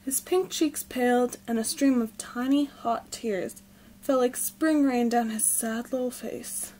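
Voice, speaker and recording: A woman reads a children's storybook aloud, narrating in a gentle, expressive way. Her voice sits a little high, and the delivery stays soft and clear for young listeners. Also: a little slow, low-quality recording. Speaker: storybook reader.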